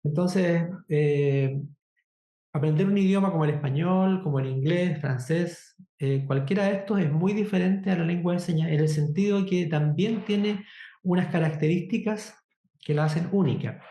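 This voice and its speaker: An instructor teaches a sign language workshop with a mellow, relaxed voice. The explanations come slowly and deliberately, often pausing to check that the class follows. The sound carries the echo of a reverberant room. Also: medium pitch. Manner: deliberate explanations with frequent "¿cierto?" check-ins. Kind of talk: workshop lesson. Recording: echoey room.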